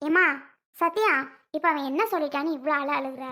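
A performer voicing a weary grandmother who scolds and calms the family, in a family skit. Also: sits high, fairly quick. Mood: soothing. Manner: chiding and weary.

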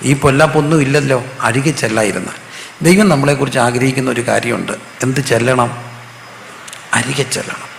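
A man's voice: medium pitch, normal speed, gravelly, a bit bright, slight background noise. A male pastor, preaching a sermon with call-and-response questions and humorous stories. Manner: call-and-response preaching, asks the audience to repeat answers; storytelling with humor. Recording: echoey hall with faint ambience.

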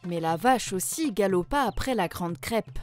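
A woman narrating a children's fairy tale in a clear, measured way. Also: mid-range voice, lively intonation, darkish tone, faint music behind.

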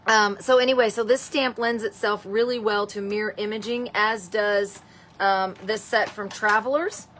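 A woman hosts a live craft stamping show, chatting with viewers, greeting them by name and calling them sweetheart and honey. She rambles, full of ums and restarts, at a moderate pace in a medium-pitched, steady, slightly bright voice.

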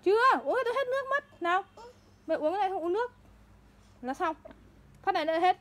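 A woman's voice: extremely high pitch, expressive, fast. A mother at home, urging and scolding her child again and again to hurry. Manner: urgent, repetitive coaxing and scolding. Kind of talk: home video, coaxing a child. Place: home, indoors.

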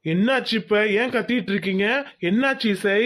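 A woman voicing a proud, stern village farmer father in a cartoon, demanding and slow to give in. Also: mid-range voice, natural voice. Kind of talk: cartoon voice acting.

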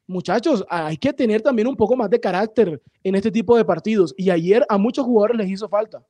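A man giving sports radio commentary, explaining a match calmly and addressing the listeners directly. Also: sits high, brisk, dry recording.

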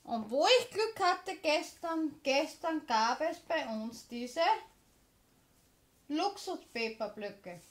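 A woman's voice: high voice, expressive, slow pace. A woman chatting casually as a vlogger, showing purchases in an informal, explanatory manner. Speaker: craft haul vlogger.

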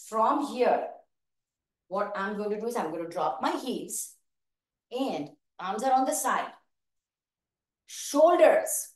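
A middle-aged woman with an Indian accent instructing a live online exercise class, encouraging and calling out counts and cues as she moves. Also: high-pitched. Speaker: fitness instructor. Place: large open living room indoors. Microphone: video call, camera several metres away. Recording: echoey large room, away from mic.

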